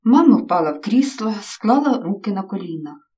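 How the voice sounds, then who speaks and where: A woman narrating a story aloud with a lively, expressive reading. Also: medium pitch, normal speed, far from the mic.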